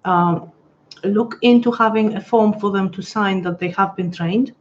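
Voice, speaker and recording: The highs are clipped in this recording of a woman with a mid-range voice hosting a webinar live from home. A pet is close by as she chats her way through a relaxed walkthrough, often stopping to restart, with a voice that's a little worn and fading.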